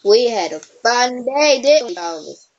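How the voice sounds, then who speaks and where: A woman's voice: a little high, sing-song, measured pace, darkish tone, dull audio. A woman hosting a casual gameplay recording, teasing and trash-talking her friend as she plays. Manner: playful teasing trash talk. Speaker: gameplay channel host.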